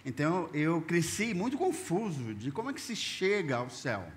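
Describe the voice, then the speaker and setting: A man's voice: fairly high pitch, sing-song, moderate pace. A man working as the interpreter, repeating a preacher's phrases in the first person and sometimes restarting mid-phrase. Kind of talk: consecutive interpretation of a sermon. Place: church hall. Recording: echoey church hall, faint noise.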